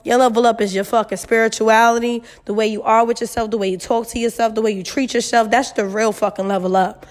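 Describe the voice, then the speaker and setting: Female host, mid-twenties, higher-pitched, emphatic and blunt, casual slangy advice talk, echo on the audio. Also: level tone, quick pace, hardly any pauses. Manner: blunt, sassy, heavy swearing, emphatic. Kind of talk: casual solo chat with advice, frank and slangy. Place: new, mostly empty apartment. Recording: echoey near-empty apartment room.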